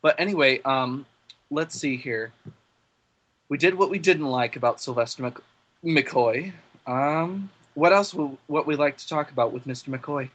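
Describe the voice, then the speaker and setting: A man's voice: a little high, measured pace, fairly bright tone, highs cut off. A man co-hosting a casual fan podcast, steering the talk in a rambling way with fillers and restarts, while he has the hiccups. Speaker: podcast co-host leading the discussion.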